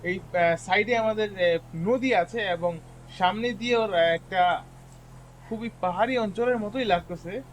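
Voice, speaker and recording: A gaming YouTuber casually talks his viewers, whom he calls guys, through a hunting game, rambling and chatting at an unhurried pace with long pauses. His voice sits high, he excitedly repeats words when something happens, and a faint ambient hum lingers beneath.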